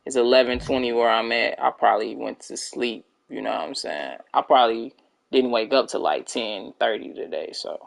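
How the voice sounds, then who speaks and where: Over a rough recording, a young streamer with a medium-pitched voice and vocal fry talks at a moderate pace. He's relaxed and rambling, chatting with viewers about the game he's playing.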